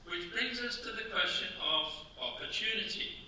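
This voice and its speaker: On a live theatre stage, an amateur actor in a radio play portrays a stern, relentless French official, speaking formally, deliberately and accusingly in a probing mood. His high, bright voice is pushed and exaggerated with lively intonation, picked up by a distant mic amid stage echo and faint noise.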